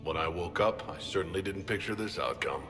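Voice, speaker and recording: An actor playing a wary, skeptical reluctant hero in a video game, questioning and challenging those around him. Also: male voice, sits low, lively intonation, brisk. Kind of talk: dramatic video game acting. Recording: long hall reverb, music underneath.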